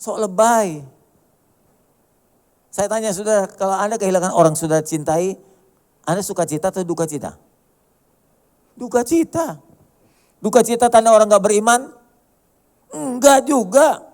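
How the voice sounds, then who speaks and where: A male pastor preaching a sermon in a colloquial way, dropping to a hush and then rising to loud emphasis, and acting out the dialogue he quotes. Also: sits high, moderate pace, long pauses. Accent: Indonesian.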